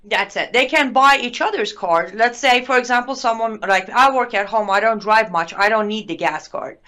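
A woman's voice: a little high, moderate pace, sharp tone. Indignant woman, English her second language. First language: not English. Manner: indignant, emphatic, sarcastic asides. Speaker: guest. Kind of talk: political commentary interview.

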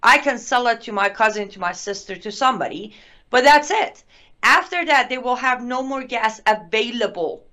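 A woman's voice: a little high, animated, normal speed, sharp tone. A woman whose first language is not English, a guest giving emphatic, indignant political commentary with sarcastic asides.

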